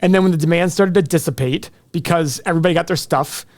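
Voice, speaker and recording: A man with a higher-pitched, slightly mellow voice talks fast. He hosts live commentary on stock earnings, speaking conversationally and explaining things straight to his viewers.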